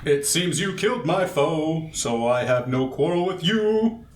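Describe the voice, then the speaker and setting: A man's voice: on the high side, lively intonation, measured pace. A man playing a tabletop game, talking in a jokey, easygoing way. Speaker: player. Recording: echoey room, faint noise.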